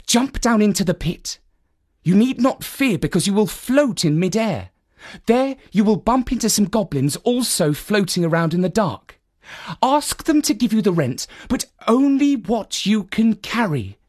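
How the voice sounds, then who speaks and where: A wise young maidservant , as a man narrating a storybook puts her on, speaks in a high, lilting voice. She explains each step slowly and deliberately, with lively pitch. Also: full character voice. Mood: instructive. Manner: measured, instructive, a little sarcastic. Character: wise, calm young woman servant with magic. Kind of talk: storybook read-aloud.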